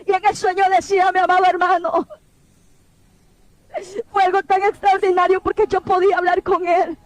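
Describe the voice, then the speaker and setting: Very high, flat-voiced woman giving testimony. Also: moderate pace, dry recording, low-quality recording. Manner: earnest and pleading, often near tears. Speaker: woman preacher sharing a dream. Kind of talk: emotional testimony of a vision.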